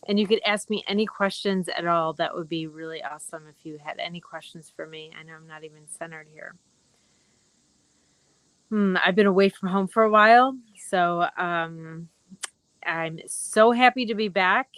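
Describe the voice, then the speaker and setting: Middle-aged woman rambling gently on a live stream, lowish voice, dry close sound. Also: moderate pace, smooth, no room sound, rough recording. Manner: gentle, rambling, many fillers. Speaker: wellness talk host. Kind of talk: casual live broadcast.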